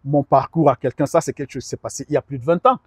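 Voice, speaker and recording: A man's voice: mid-range voice, very fast, darkish tone, slightly rough, no echo, studio quality. A middle-aged man talking earnestly as a guest advisor in an interview, often repeating words while he searches for the next one. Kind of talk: conversational interview.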